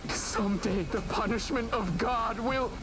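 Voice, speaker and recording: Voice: mid-range voice, a little slow, natural voice. An actor playing an anguished dying enemy commander in a video game, strained and dramatic, with music behind. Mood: defiant cursing. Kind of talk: theatrical anime-style game voice acting. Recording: loud music under the voice.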